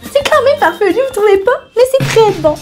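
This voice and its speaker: A woman with a Quebec French accent hosting a campy parody of a local TV show, bubbly, giggly and excitable. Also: very high-pitched, brisk, music in the background. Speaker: TV host.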